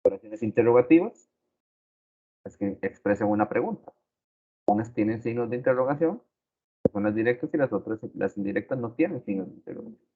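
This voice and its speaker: A man teaching a grammar lesson slowly and deliberately, repeating his examples. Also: mid-range voice, lively intonation, mellow, slightly rough. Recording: tinny phone-like recording.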